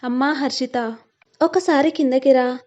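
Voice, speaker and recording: Woman reading as a gentle middle-aged father, soothing, reassuring, high mellow voice, storybook, dull recording. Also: steady tone, a little slow.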